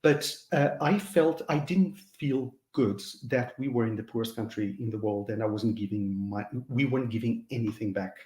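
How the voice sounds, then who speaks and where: Halting man, echoey. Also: medium pitch, a little mellow. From Mozambique. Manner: halting, many fillers and restarts, earnest. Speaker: guest. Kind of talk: hesitant conversational interview answers. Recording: roomy echo.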